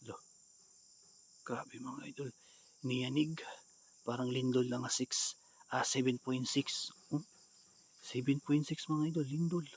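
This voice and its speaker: Male ghost-hunter vlogger, breathless, alternates hushed asides with loud shouts, mid-pitched, faint crickets outside. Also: fairly even intonation, slow, pauses often, slight background noise. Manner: swings between hushed narration to viewers and loud shouted challenges. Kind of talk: night ghost-hunting vlog commentary. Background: crickets and insects.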